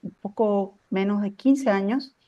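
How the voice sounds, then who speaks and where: Woman in the audience, slow and hesitant, lots of ehs, muffled lo-fi sound. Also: mid-range voice. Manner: hesitant, many fillers. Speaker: audience member asking a question. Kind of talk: question after a conference talk.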